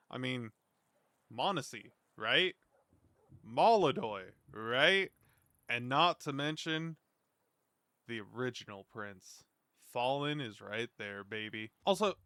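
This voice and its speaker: A man's voice: mid-range voice, sharp tone, smooth, no echo, studio quality. A man doing casual, rambling reaction commentary as a gaming streamer, informal and mildly sweary.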